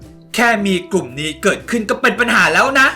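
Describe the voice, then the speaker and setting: A woman's voice: mid-range voice, animated, brisk, bright, forceful tone, soft background music. A woman voicing a strict, stern little floating fairy girl who scolds.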